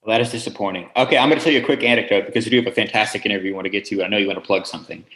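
A man's voice: on the low side, fairly bright tone, echoey room. A man hosting a podcast, chatting casually and teasing his co-host with jokes. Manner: quick, joking, teasing.

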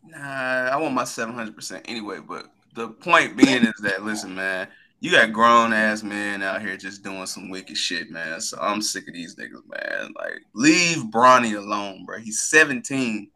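A man's voice: fairly low pitch, expressive, moderate pace, bright, forceful tone. A man in slangy podcast banter, ranting bro-style with emphatic swearing. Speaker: co-host of a sports talk podcast.

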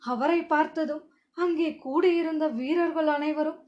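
A woman narrating a historical novel in a measured, clear storytelling manner, on a dull lo-fi recording. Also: high voice, steady tone. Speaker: audiobook narrator. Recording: dull lo-fi audio.

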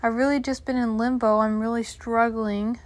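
A woman's voice: on the high side, little pitch movement, normal speed, no room sound. A young adult woman hosting a casual solo podcast, rambling and apologetic as she interrupts herself. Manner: scatterbrained, self-interrupting, apologetic. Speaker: podcast host. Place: bedroom at home.

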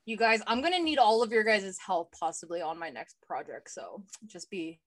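A woman's voice: mid-range voice, expressive, moderate pace. A woman co-hosting a podcast in casual chat, playful and teasing as she steers the talk. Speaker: podcast co-host.

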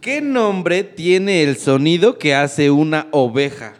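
A man's voice: on the high side, lively intonation, slow. A man with a Mexican accent co-hosting a podcast, teasing and laughing through casual quiz banter. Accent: Mexican Spanish. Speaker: podcast co-host.

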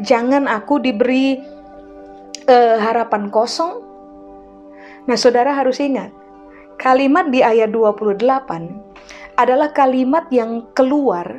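Woman pastor delivering a teaching sermon; a touch high-pitched, with faint music behind. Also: darkish tone, highs cut off. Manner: teaching, enumerating points, asks the congregation to repeat.

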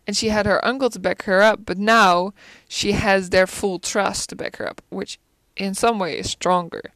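A woman's voice: mid-range voice, steady tone, normal speed, a bit bright, dry recording. A woman casually chatting about a film, talking animatedly with lots of fillers and asides. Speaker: film commentator. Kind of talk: casual solo chat.

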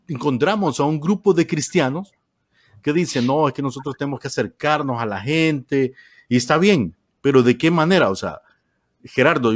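A man's voice: a little high, no room sound. Rambling Honduran man, dry studio sound. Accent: Honduran Spanish. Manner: rambling, halting, with frequent "eh" and restarts. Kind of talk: casual panel discussion.

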